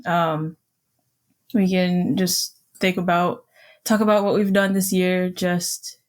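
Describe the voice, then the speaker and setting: A woman's voice: lowish voice, flat delivery, slow. A young woman co-hosting a podcast, chatting casually with a giggly, rambling manner and plenty of fillers. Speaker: podcast co-host. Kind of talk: casual chat.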